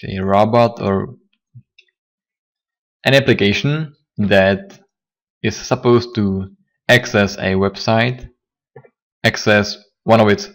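A man with a slightly hoarse, lowish voice walks through a coding tutorial. He speaks slowly and haltingly, pausing often and restarting his sentences as he explains each step. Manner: halting, many fillers and restarts. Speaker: programming tutor. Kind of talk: screen-recorded coding tutorial.

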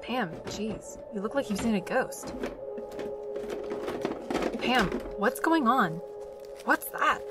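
An actress playing a blunt, complaining young engineering student who rooms with a friend. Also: female voice, a little high, animated, takes it slowly, long pauses, recorded from a distance, over loud music. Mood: worried. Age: young adult.

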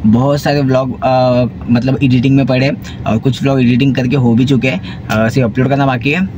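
A young man vlogs casually to his phone camera, held at arm's length, while sitting in a small parked car during the day. His medium-pitched voice is steady, brisk and a little mellow, and he rambles with plenty of fillers and repeats. The phone video is noisy.

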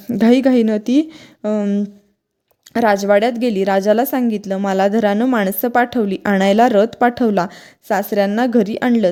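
A woman reading a devotional vrat story aloud in steady, measured short phrases. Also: medium pitch.

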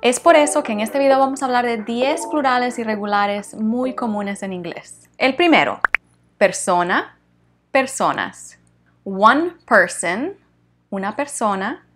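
A woman teaching English pronunciation, drawing out each model word slowly and clearly for repetition. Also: fairly high pitch, expressive, slight background noise. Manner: deliberate, drawn-out model words for repetition.

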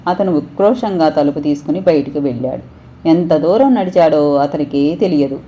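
A woman storyteller reading an audio story aloud in a steady, expressive way. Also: low voice, normal speed, a little hiss or hum.

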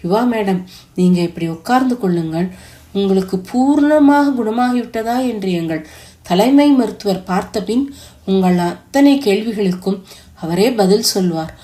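A woman voicing a calm, polite female hospital staff member. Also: mid-range voice, normal speed, lightly acted.

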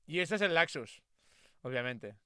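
A man's voice: fairly high pitch, expressive, measured pace, bright, forceful tone, clean tone, dry recording, studio quality. A man chatting casually on a live stream, reacting to memes with frequent laughter and slangy banter.

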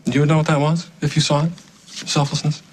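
A man's voice: on the high side, level tone, fairly quick, a little hiss or hum, close to an everyday voice, poor audio. An actor playing a skeptical father in a daytime soap, sarcastic and challenging. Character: skeptical protective father, sharp-tongued.

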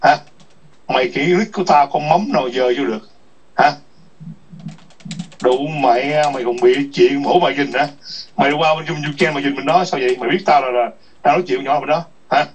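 A man's voice: medium pitch, brisk, pauses often. A man ranting in an online chat room, scolding and cursing with repeated taunting questions. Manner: foul-mouthed, scolding, repetitive taunts. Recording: distant muffled lo-fi mic.

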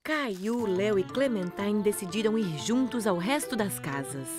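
A woman's voice: mid-range voice, expressive, measured pace, over music. A woman narrator reading a scripted children's story for a cartoon.

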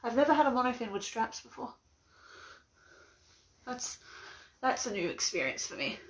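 A young Australian woman vlogs from her small, cluttered bedroom, unboxing something on a phone live stream, her phone camera propped on a mug. Her fairly high, sing-song voice moves at a normal speed as she chats casually, giggles and rambles with frequent laughter.

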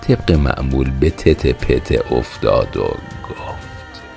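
Deep-voiced male narrator with a gravelly rasp, for steady historical audiobook reading. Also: soft background music. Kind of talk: scripted narration of a historical novel.

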